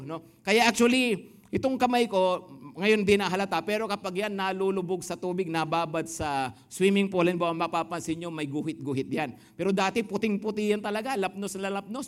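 A male pastor in his thirties preaching to a congregation, telling stories and calling out questions to the crowd while mixing Tagalog and English. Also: high voice. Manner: mixes Tagalog and English in lively storytelling. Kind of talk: sermon. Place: church before a congregation.

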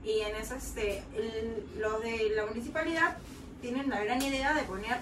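High-voiced woman telling a story. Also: moderate pace. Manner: animated, laughing storyteller acting out voices. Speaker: podcast co-host. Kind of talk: casual storytelling chat. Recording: roomy, distant mic with noise.

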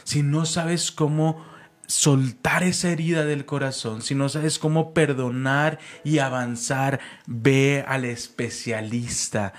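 A man with a Mexican accent, a pastor co-hosting a podcast, who tells personal stories casually and drops English phrases in. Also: mid-range voice. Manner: storytelling with English phrases mixed in. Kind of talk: casual devotional podcast chat.

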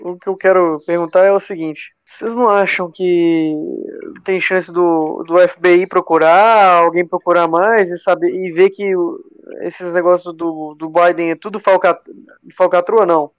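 A man's voice: high-pitched, fairly even intonation, normal speed, clear, resonant tone, dry recording. A man co-hosting a podcast in casual political chat, asking questions in laid-back slang. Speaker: podcast co-host. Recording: dry, dull lo-fi sound.

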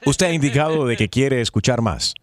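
Prank-call phone menu voice, played by a man: deadpan, official, scripted, mid-pitched. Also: fairly quick, natural voice. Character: deadpan automated phone menu voice giving absurd health notices and advice.

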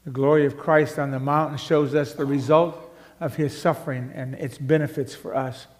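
A man preaching a sermon in a church, slow and measured, building to loud emphatic passages and then sinking to soft, hushed ones. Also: medium pitch, fairly even intonation. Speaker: pastor. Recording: long church hall reverb.

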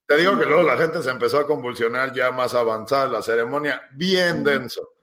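A young man telling a story in a casual chat, animated and slangy, slipping into English phrases. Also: medium pitch, fairly quick. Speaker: podcast co-host. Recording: roomy echo.

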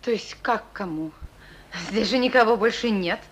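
An actress playing a firm, formal young junior lieutenant in a radio drama. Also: female voice, medium pitch, normal speed, close to an everyday voice. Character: prim, insistent young female junior lieutenant. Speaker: junior lieutenant, army medic.

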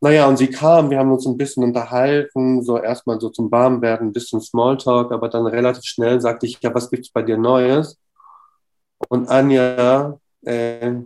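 A middle-aged man telling a personal story in an interview, lively and full of fillers, acting out the dialogue as he goes. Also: mid-range voice, moderate pace. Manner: animated, acts out dialogue, many fillers. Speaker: interview guest. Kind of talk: casual storytelling.

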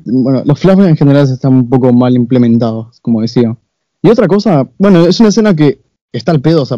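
A young man chatting about a film in a measured, analytical way. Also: mid-range voice, dark tone, no room sound. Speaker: co-host reviewing a film. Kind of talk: casual film review chat. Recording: dull, dry, lo-fi sound.

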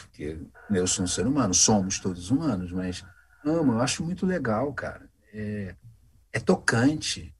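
A man with a husky voice tells stories in a relaxed interview. His pitch swings widely and he slips in quick voices for the people he describes. It is casual, expressive talk. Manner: animated, acts out voices in anecdotes. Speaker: voice actor guest.

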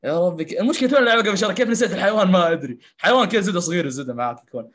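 Man, gaming podcast co-host, quick and animated, slightly high voice. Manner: animated, laughs while ranting. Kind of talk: casual gaming podcast chat.

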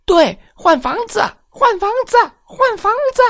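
A crowd of rowdy, greedy little mice squeaks and chants together in piercingly high voices. The storybook voices are dry and close, without room sound. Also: female voice, quick pace, no room sound. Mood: chanting. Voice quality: shrill squeaking. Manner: chanting in unison. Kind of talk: children's bedtime storytelling.

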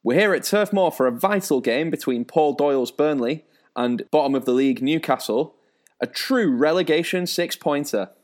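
A man's voice: fairly high pitch, lively intonation, normal speed. A man hosting a spoof football show, with a dry, teasing presenter delivery. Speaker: host.

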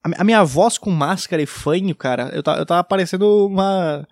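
A man with a high voice tells a comic story in a casual, rambling way. He restarts often and drops in slang. The recording is dry and close, with no room sound. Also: brisk, no echo. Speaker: video creator telling a story. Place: at home.

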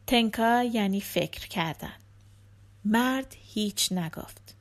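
A woman reading a short story aloud in a calm, measured narrating voice. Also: mid-range voice. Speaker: audiobook narrator. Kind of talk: scripted narration.

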